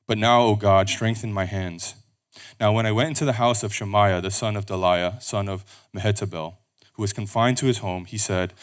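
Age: adult. Sex: man. Role: scripture reader at a pulpit microphone. Pitch: lowish. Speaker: scripture reader at a church service. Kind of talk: reading scripture aloud in worship.

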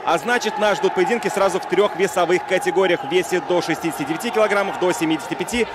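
High-pitched male boxing commentator. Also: very fast. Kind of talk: live sports commentary. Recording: crowd noise behind commentary mic. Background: arena crowd.

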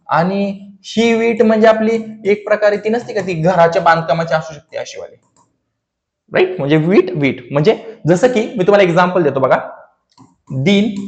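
A man's voice: sits high, lo-fi sound. A young man teaching an exam-prep grammar lesson in a casual, chatty way, with joking, self-mocking asides. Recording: echoey room.

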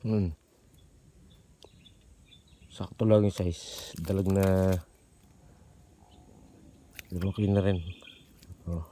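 A young man filming himself while spear-fishing outdoors, talking to his viewers in short, excited bursts. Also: deep voice, drawn-out words, long pauses. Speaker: fishing vlogger. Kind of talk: casual commentary while hunting fish. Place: outdoors in a thicket of bamboo by a pond. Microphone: action camera worn on the body. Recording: faint outdoor noise with insects.

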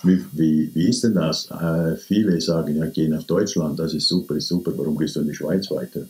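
Deep-voiced Swiss host asking questions. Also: male voice, steady tone, dark tone. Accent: Swiss German. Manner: quick, curious questioning. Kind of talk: casual interview. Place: small indoor room at a table. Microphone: camera from a few meters.

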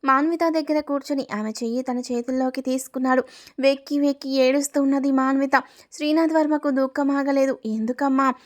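A woman with a high-pitched, steady voice narrates a family story at a fairly quick pace. Every character's lines come out in her own narrating voice, and she breaks off to ask viewers for likes.

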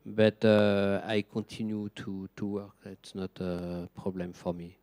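A man with a French accent, a gem engraver answering questions in halting English and searching for words. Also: on the low side, level tone, a little mellow, no room sound. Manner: hesitant, searching for words, many fillers.

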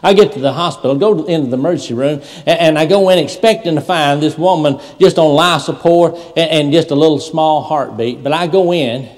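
A man preaching a sermon as a pastor, telling stories and swinging from loud preaching to soft asides. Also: fairly high pitch, fairly quick, hardly any pauses. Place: large church sanctuary. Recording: long hall reverb.

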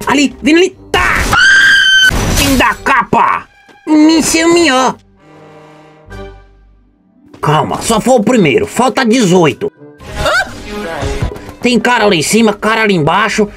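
A man giving excited gameplay commentary, making shooting sound effects and exclaiming as he plays. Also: sits high, measured pace, long pauses, shouting. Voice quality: lively, exclaiming, calls shots with sound effects. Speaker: gaming streamer. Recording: game music behind voice.

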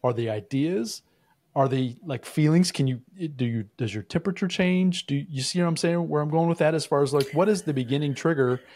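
Husky-voiced man asking probing questions. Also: fairly high pitch, brisk, darkish tone. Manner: probing, leading questions with many restarts. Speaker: podcast co-host. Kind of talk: conversational podcast interview.

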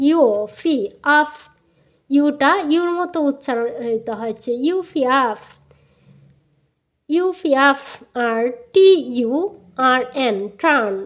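A woman teaching English spelling and phonics, spelling words out letter by letter and repeating them slowly. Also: high-pitched. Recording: dull lo-fi sound.

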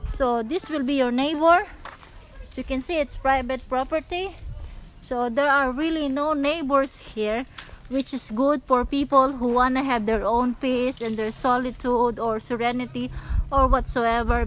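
A woman's voice: high voice, steady tone, unhurried, rough recording. A Filipino woman in her forties with a Filipino accent, giving a casual walking tour outdoors, recorded on a phone held at arm's length, chatty and full of "so" and "guys". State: sweaty from walking. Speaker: real estate vlogger. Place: outdoors on rural lanes and overgrown land. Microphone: phone camera at arm's length.

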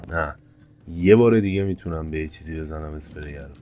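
A man commentating his gameplay casually, excitable, jumping to sudden high-pitched yelps. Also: slight background noise. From Iran. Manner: excitable, jumps to high-pitched yelps when fires start. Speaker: gameplay streamer. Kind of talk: casual let's-play commentary.

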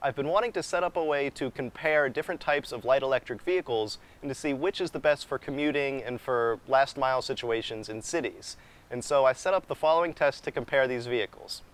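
A man's voice: mid-range voice, a little fast. A man in his thirties with an American accent, delivering scripted explainer narration as a video reviewer. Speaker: vlogger and product reviewer.

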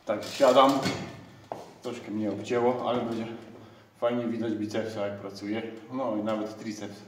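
A middle-aged man vlogging his workout in a small home gym, chatty and upbeat, sometimes out of breath between sets, with loud bursts of excitement. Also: on the low side, moderate pace, far from the mic, a little hiss or hum. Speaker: fitness vlogger. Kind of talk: casual workout vlog. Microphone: camera mic at a distance. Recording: roomy sound, voice a bit off-mic.

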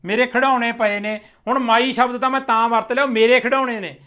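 This English teacher is a young Punjabi man with a bright, high voice and a steady tone, giving a spoken English lesson in Punjabi. He explains each point clearly in sequence and slows considerably when modelling English sentences.

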